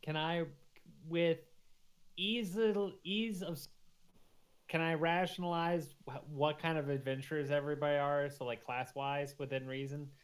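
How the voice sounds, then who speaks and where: Quick, argumentative tabletop player. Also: medium pitch, fairly even intonation. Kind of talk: casual tabletop chat.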